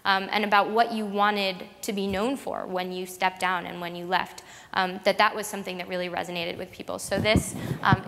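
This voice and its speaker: Female conference speaker, mid-pitched, conversational with frequent restarts, long hall reverb. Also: vocal fry, fairly bright tone. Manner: conversational, many fillers and restarts. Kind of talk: presentation talk to an audience.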